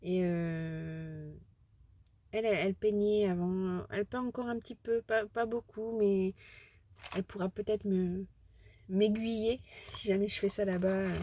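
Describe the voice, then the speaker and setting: A woman chatting casually as a craft vlogger, rambling and excitable, often restarting her sentences and giggling at herself. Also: mid-range voice, a little slow, slight background noise. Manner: excitable and self-deprecating. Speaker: craft vlogger showing a shopping haul. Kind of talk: casual chat.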